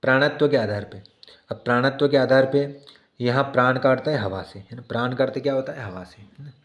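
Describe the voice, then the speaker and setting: A man's voice: medium pitch, fairly quick, a bit bright. Man teaching in an echoey room. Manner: explains by repeating definitions, checks in with "है ना". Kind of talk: exam prep lesson.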